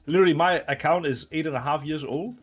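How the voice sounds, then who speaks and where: A man in his twenties from Denmark, a retired esports player answering interview questions in a relaxed, rambling way with many fillers. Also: on the high side, fast, soft background music. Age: 20s. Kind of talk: casual video interview.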